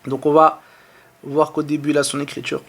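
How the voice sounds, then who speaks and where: A man with a high, light voice and a French accent teaches the Arabic alphabet. He talks patiently, sounds out each letter and vowel slowly, and circles back to repeat them. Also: monotone, fairly bright tone, slightly rough. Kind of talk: online lesson.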